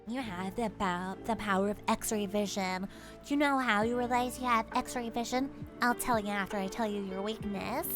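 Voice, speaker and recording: A woman streamer in a goddess persona, telling an improvised comic story in a playful, giggly way. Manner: playful, giggly, swooping pitch. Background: music.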